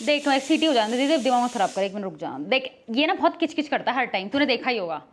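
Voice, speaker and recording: Fast-talking young woman arguing. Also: a little high, very animated, a little hiss or hum. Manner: quick, loud and argumentative, whispers asides to camera. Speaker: vlogger staging a prank. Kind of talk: casual prank vlog.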